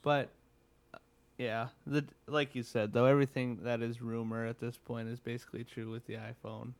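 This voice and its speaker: A man's voice: mid-range voice, level tone, normal speed. A man leading a casual tech news podcast. He chats loosely and hedges a lot, circling his points with fillers as he walks through the stories. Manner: chatty, hedging, lots of "like" and "I guess". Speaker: podcast co-host.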